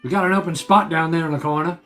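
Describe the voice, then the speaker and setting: A man in a pirate captain persona, telling an animated story on a group voice call and acting out shouted lines. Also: fairly high pitch, fast talker, music in the background.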